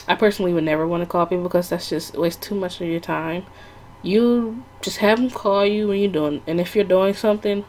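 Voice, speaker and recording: A woman talking casually to her viewers, chatty and rambling, with lots of fillers and restarts. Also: lowish voice. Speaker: vlogger giving sales tips. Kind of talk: casual talk to camera.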